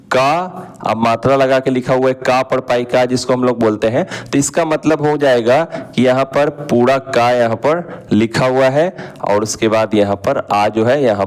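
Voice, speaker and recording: A man teaching how to read vowel signs, explaining patiently while he writes them out and often turning to his viewers. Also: mid-range voice. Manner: patient, repeats "ठीक है" and "दोस्तों" often; slows down to stress vowel signs. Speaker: Hindi teacher. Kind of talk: explaining while writing on a board.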